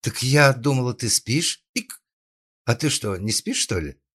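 A man's voice: mid-range voice, animated, normal speed, a bit bright, husky, voice pushed up. A man voicing a brash, tipsy young woman. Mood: flippant. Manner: brash, flippant.

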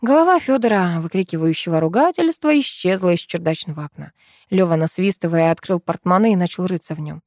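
A woman narrating an audiobook in an even, measured reading. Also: fairly low pitch, dry recording, studio quality. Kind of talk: scripted narration.

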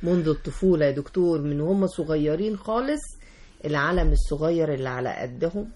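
A woman's voice: low voice, expressive, a little fast, a little mellow, husky. A woman with an Egyptian Arabic accent hosting a TV talk show. She reads a formal introduction, then asks her guest questions in a conversational way.

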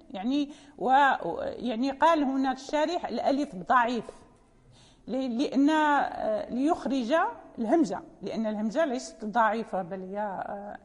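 A woman teaching a lesson on Quran recitation, explaining patiently, rephrasing often and pausing with fillers. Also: high voice, a little mellow. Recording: long hall reverb.

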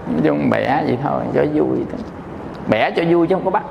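A man's voice: on the high side, lively intonation, fairly quick, creaky, dull audio, noisy background. A male Buddhist monk with a Southern Vietnamese accent gives a dharma talk in a playful, joking way, often checking that listeners follow. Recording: long hall reverb.

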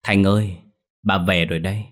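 A caring middle-aged father soothes his child in a soft, low, reassuring voice, as a deep-voiced man reads him. It is a storybook ghost tale. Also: fairly even intonation, normal speed, lightly acted. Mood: calling.

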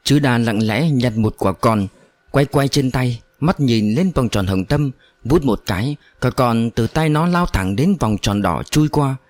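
Male storyteller, steady unhurried narration, mid pitch, dry close sound. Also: dry recording.

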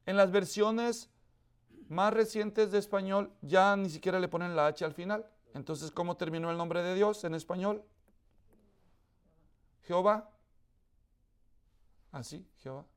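A man's voice: high-pitched, clean tone. A man preaching a sermon to a congregation, explaining with everyday examples and often asking his listeners questions. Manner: asks the audience questions often.

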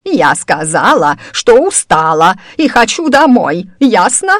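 A frail, bitter old witch who has been stripped of her powers, as an audiobook narrator puts her on. Her speech is slow and shaky, and it keeps breaking into sharp, shrill bursts of anger. The recording is close and dry, with no room around the voice. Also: animated, dry recording. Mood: furious. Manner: slow, quavering, flares into angry shouts.

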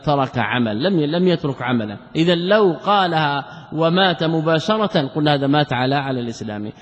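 A man with a fairly high voice teaches as a sheikh, working through a classical text. He asks rhetorical questions, answers them himself, and repeats key terms to drive them home. The recording is muffled and lo-fi, with a long reverb trailing through a large hall. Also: animated, fairly quick. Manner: repeats key words for emphasis. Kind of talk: classical religious lesson commentary.

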